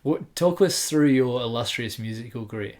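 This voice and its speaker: A man's voice: mid-range voice, moderate pace, darkish tone. Playful teasing male podcast host. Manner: playful, teasing, laughs easily. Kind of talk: casual chat. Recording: roomy room sound.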